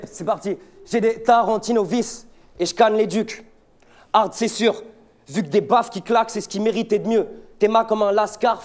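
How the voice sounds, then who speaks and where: Brash high-voiced battle rapper man. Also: a little mellow. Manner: aggressive, taunting, punchy delivery. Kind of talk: a cappella rap battle verses.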